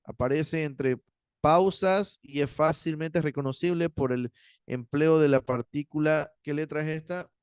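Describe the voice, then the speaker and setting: A man teaching a Greek grammar class, explaining patiently and checking in with his students, slowing down to spell out word endings. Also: fairly high pitch, clear, resonant tone, dry recording, studio quality. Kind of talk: university Greek grammar lecture.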